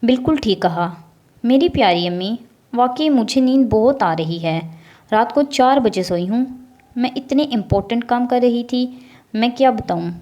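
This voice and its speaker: A woman voicing a cheeky, lazy teenage girl who teases her family in a bubbly, higher voice, in a storybook reading. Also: expressive, dark tone, lo-fi sound, natural voice. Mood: teasing.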